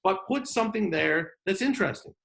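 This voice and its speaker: A man's voice: high voice, animated, brisk, creaky, a bit bright. A man hosting an online business workshop over a video call, talking in a joking, off-the-cuff way. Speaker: workshop host.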